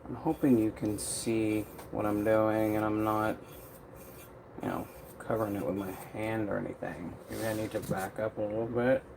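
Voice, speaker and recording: A man's voice: lowish voice, flat delivery, moderate pace, vocal fry. A man chatting casually on a live stream while he paints a custom tumbler, rambling with many fillers. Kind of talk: live-stream craft chat. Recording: faint noise from outside.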